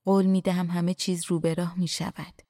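Woman voicing a gentle young ghost woman. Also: fairly low pitch, level tone, no echo, clean studio sound, close to an everyday voice. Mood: coaxing. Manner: soft, coaxing.

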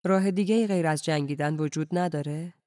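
A reader doing a soft-spoken, gentle Sufi mystic man. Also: mid-range voice, dry recording, studio quality, natural voice. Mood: calm. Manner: soft-spoken, slow and reflective. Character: calm, gentle male Sufi mystic with cancer. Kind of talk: audiobook character reading.

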